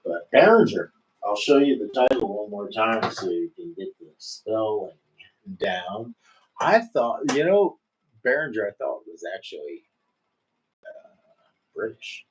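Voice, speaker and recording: A man's voice: lowish voice, very animated, measured pace, background noise. A middle-aged man hosting a casual livestream, rambling in an easygoing way with lots of fillers and restarts. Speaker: livestream host and musician.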